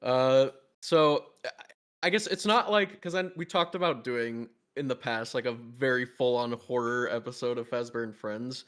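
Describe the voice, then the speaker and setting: A man's voice: mid-range voice, moderate pace, fairly bright tone, smooth. A man hosting a casual group Q&A over a call, rambling with restarts and frequent laughs. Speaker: animation studio team member hosting Q&A.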